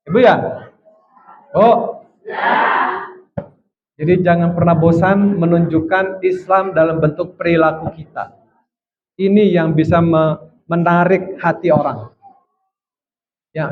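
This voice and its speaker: High-voiced male preacher, tinny sound. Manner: storytelling, acting out quoted voices, addressing women in audience. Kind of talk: religious lecture. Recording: tinny phone-like recording.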